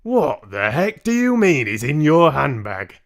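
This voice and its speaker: Man playing coarse blustering father, storybook character, brusque, pompous, quick to anger, animated pitch. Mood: blustering, exasperated. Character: large coarse gruff blustering father, easily irritated.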